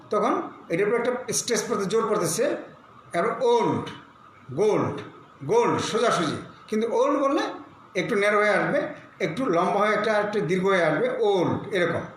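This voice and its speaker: A man from Bangladesh teaching an online English lesson, explaining slowly and spelling words out letter by letter. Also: high voice, fairly bright tone. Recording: very echoey room with faint hiss.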